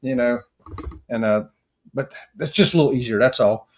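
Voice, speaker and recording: A man's voice: mid-range voice, normal speed, a little mellow. A man co-hosting a podcast, chatting casually in a playful, jokey way and acting out silly exchanges. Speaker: podcast co-host.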